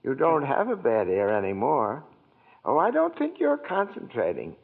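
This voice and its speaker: An older actor playing a gentle, fussy male angel with quaint old-fashioned phrasing, in 1940s radio acting on an old broadcast. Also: medium pitch, wildly swooping pitch, normal speed, vocal fry, phone-quality sound, full character voice. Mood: earnest.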